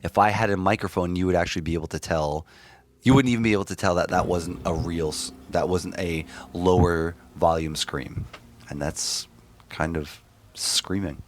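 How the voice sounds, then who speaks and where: A middle-aged man, a screaming vocalist, telling stories in a casual, animated interview with many restarts. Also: sits low, normal speed, slight background noise. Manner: rambling, animated storytelling with restarts.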